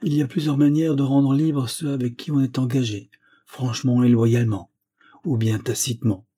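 A man's voice: medium pitch, fairly even intonation, normal speed, dark tone, husky, lightly acted. A man reading the lines of a frail, pious old grandfather who tenderly pleads with his granddaughter. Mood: earnest. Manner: earnest, tender entreaty.

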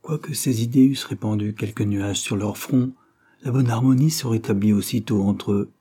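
A man giving measured audiobook narration of a literary novel. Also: on the low side, warm tone, slightly rough.

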